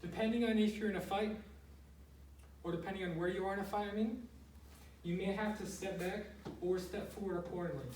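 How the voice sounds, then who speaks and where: A man with a fairly high voice teaches martial arts in a casual, explanatory way, step by step. He is picked up from a distance in a roomy space with some noise. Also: fairly even intonation, fairly quick, pauses often, a little mellow. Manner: plain-spoken, explanatory, frequently checking with "okay". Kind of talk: casual step-by-step instructional demonstration. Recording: roomy, noisy, distant microphone.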